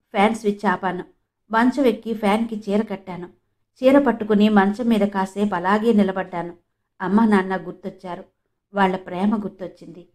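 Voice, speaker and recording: With a warm, mid-range voice, a woman from Andhra Pradesh in India narrates a novel in the first person as an audiobook. She tells the story in a mournful, emotional way.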